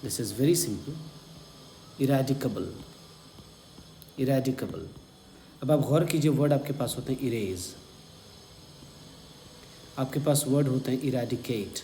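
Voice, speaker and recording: Indian guy teaching vocab slow, spells stuff out, mellow voice in an echoey room. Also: mid-range voice, animated. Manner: slow, spells words letter by letter and repeats them. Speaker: English teacher. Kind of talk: exam-prep vocabulary lesson. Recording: echoey room with faint hum.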